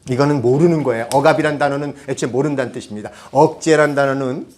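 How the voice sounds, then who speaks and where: A man with a mid-range, slightly mellow voice talks fast as he delivers a public lecture on parenting. He keeps it conversational, tossing rhetorical questions at the audience, slipping into half-banmal, and adding casual asides.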